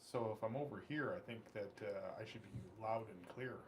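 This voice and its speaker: Man, quick talker, offhand, joking, casual chat, faint room ambience. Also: on the low side, slight background noise. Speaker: co-host relaying chat messages. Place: home studio.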